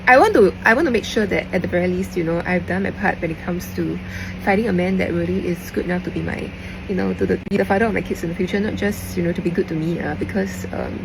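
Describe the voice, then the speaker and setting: A young woman with a Singaporean accent talks in a creaky voice, as in a heartfelt, rambling voice message. She leans on repeated phrases and Singlish particles and drops into Mandarin at times. Clear background noise sits behind her. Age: young adult. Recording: noisy, vehicle-like background rumble.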